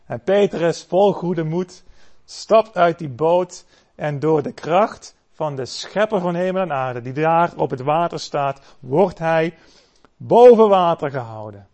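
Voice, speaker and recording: A man preaching a sermon, telling stories dramatically and swelling loud for the cries he quotes. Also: a little high, slow pace.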